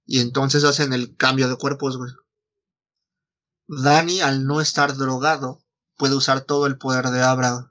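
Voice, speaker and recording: A man's voice: mid-range voice, level tone, moderate pace, fairly bright tone. A Mexican man retelling a story in casual chat, slangy and foul-mouthed, acting out the dialogue as he goes. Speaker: podcast host retelling a story.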